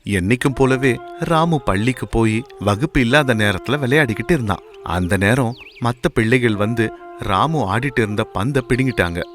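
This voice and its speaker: A man telling a moral story in scripted, measured storytelling narration. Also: mid-range voice, lively intonation, a bit bright, faint music behind.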